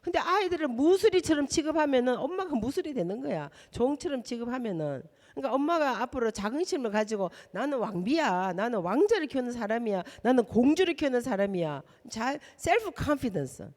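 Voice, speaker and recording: A woman's voice: on the high side, darkish tone, in a large hall. A middle-aged woman from South Korea, a missionary preaching a sermon and speaking directly and emphatically to the congregation. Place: church hall.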